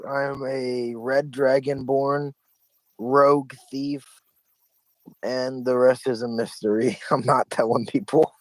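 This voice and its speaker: A man's voice: medium pitch, steady tone, slow pace, no echo, rough recording. A man playing in a tabletop game over a voice call, laid-back and a bit hesitant. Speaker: player. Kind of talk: casual tabletop game chat. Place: online voice call.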